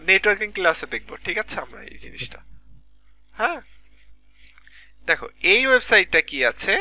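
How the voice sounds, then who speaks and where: A man's voice: high voice, very animated, fairly quick, bright, forceful tone. A man teaching a live online class from a computer mic, explaining step by step and checking in with students often, with a Bangladeshi Bengali accent. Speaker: lecturer.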